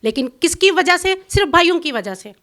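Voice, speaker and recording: A woman's voice: very high voice, lively intonation, a bit bright. A middle-aged woman from Pakistan, a guest in an interview, speaking in a bitter, accusing and insistent way. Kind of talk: emotional complaint in an interview.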